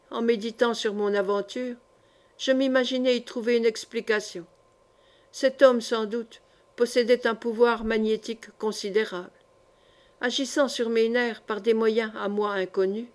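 A woman narrating a classic short story in a measured, dramatic way. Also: a little high, a little mellow. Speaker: audiobook reader. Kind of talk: literary narration.

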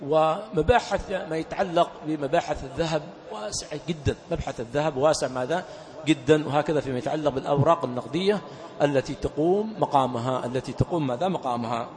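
Quick, call-and-response sheikh. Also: male voice, a little high, a little mellow. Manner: call-and-response prompts, repeating key words. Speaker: sheikh teaching a mosque course. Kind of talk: Islamic jurisprudence lesson. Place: mosque.

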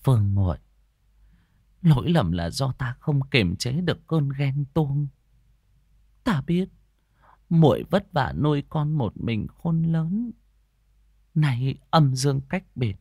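A man voicing a remorseful noblewoman who prays softly at a grave in a ghost story. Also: mid-range voice, sing-song, slow, creaky, long pauses, husky, no room sound, clean studio sound, pitched above the performer's own voice, full character voice. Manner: soft, pleading, hushed.

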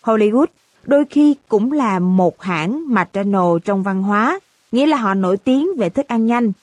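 A woman's voice: mid-range voice, measured pace, no echo. A woman reading the part of a girl's father who gives dry, witty answers to reporters in a storybook reading. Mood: wry. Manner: wry, deadpan answers.

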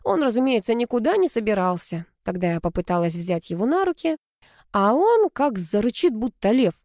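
A woman narrating a first-person story as an audiobook, in a lively, expressive storytelling manner. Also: fairly high pitch, moderate pace, no room sound, studio quality.

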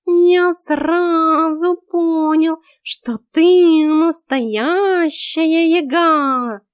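A woman voicing a sly, fawning male talking house cat in an audiobook, stretching words out high and loud. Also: steady tone, drawn-out words, exaggerated voice. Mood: gushing. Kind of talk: audiobook character voice.

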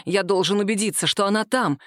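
A woman's voice: mid-range voice, brisk, a bit bright, dry recording, studio quality, lightly acted. A woman voicing an agitated young man who speaks in abrupt, tense exclamations, in an audiobook. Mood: shaken, low.

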